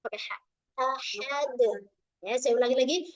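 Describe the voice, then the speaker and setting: A woman teaching Quran recitation, slowly drawing out the letter sounds in drills. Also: sits high. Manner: slow, drawn-out demonstrations of letter sounds. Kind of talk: tajwid lesson with drills. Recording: echoey, dull lo-fi room recording.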